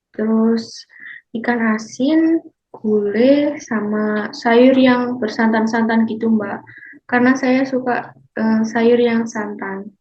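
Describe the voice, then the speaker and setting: With a fairly high pitch and a darkish tone, a woman acts as a 65-year-old grandmother consulting a counselor for a class exercise. Following a script, she talks slowly and respectfully, using "Mbak" for the counselor, on a muffled, low-fidelity recording.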